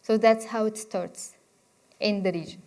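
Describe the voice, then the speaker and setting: A woman's voice: mid-range voice, steady tone, a little slow, a little mellow. A woman, giving a conversational university lecture and inviting the audience to interrupt with questions. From Egypt. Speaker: guest speaker.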